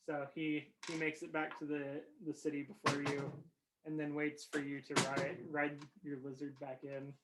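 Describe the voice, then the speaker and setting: A game master narrating a tabletop game, pausing often with ums and small laughs. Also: medium pitch, completely flat delivery, loud music behind the voice, low-quality recording. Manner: slow, halting, many ums and laughs.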